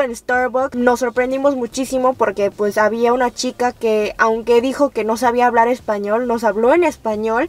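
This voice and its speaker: A young woman with a Mexican Spanish accent, vlogging in a lively, slangy, chatty way from inside a car. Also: on the high side. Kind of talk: casual vlog talk. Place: in a car at a drive-thru.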